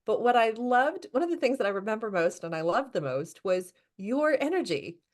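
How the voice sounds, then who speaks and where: A woman's voice: fairly high pitch, very animated, moderate pace. A woman hosting a podcast interview, introducing her guest with enthusiasm. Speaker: podcast host.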